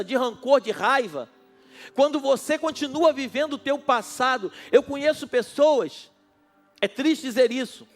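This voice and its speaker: A male pastor preaching a sermon at a night church service, passionate and speaking straight to his listeners. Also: very high-pitched. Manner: impassioned, addresses listeners directly.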